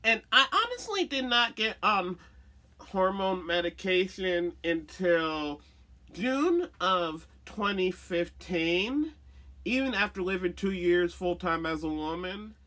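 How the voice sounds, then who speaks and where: A woman's voice: on the low side, very animated, slow, pushed and bright. A woman with a lisp, as if wearing a retainer, telling a personal story in a blunt, sweary, conversational storytime style. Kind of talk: candid casual storytime rant.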